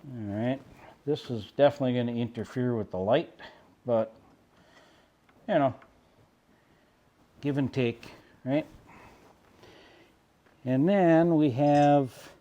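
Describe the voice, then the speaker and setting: A man's voice: medium pitch, slow pace, long pauses, mellow, muffled recording. Wry man muttering through a DIY job. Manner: wry, self-deprecating, muttering while working. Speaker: DIY car vlogger. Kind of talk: casual how-to narration. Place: inside his own vehicle with the top off.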